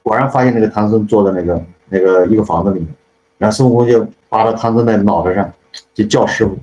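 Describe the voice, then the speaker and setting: A man's voice: lowish voice, fast, warm tone. Chatty man retelling a classic tale. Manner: chatty, keeps asking "you know?". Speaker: storyteller host. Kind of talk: casual story retelling. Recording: roomy, dull lo-fi sound.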